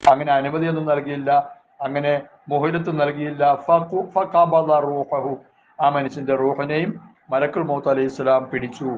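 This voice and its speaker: A religious teacher, going through Arabic phrases and explaining them in a measured voice. His voice sits a touch high for a man. The sound is narrow and phone-like, with a faint hiss underneath. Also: level tone.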